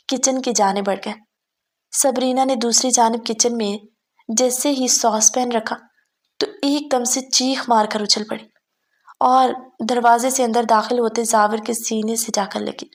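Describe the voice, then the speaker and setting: Lady reading a romance novel, steady and even, somewhat high voice. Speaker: novel reader. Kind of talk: scripted narration of a romance novel.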